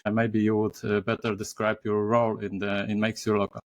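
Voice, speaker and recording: Halting male podcast host. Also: on the low side, completely flat delivery. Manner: halting, many filler sounds. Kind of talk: conversational interview.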